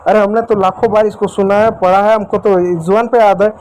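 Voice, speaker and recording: A man's voice: high-pitched, steady tone, fairly quick, darkish tone, slight background noise, rough recording. A man teaching a lesson at a board, repeating each point and quizzing his students with questions. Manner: addresses listeners as dear children and friends.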